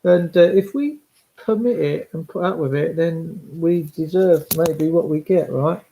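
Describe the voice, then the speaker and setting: A man's voice: on the high side, measured pace, vocal fry, warm tone, echoey room, rough recording. An English man livestreaming an impassioned political monologue to his followers, speaking emphatically and repeating phrases for weight. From England. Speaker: livestream host addressing followers.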